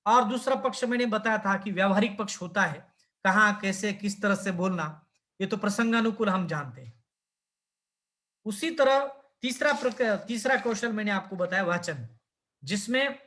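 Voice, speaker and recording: A man's voice: high voice, pushed and bright. A male teacher giving a lecture, explaining step by step with fillers and self-corrections. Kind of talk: lecture on language skills.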